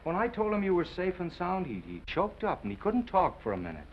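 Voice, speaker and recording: An actor playing a brash, wisecracking newspaper reporter with slangy patter, in 1930s screwball film style. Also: male voice, sits high, huge pitch swings, exaggerated voice. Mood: tender, chatty. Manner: slangy, fast-witted patter. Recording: muffled, hissy 1930s film soundtrack.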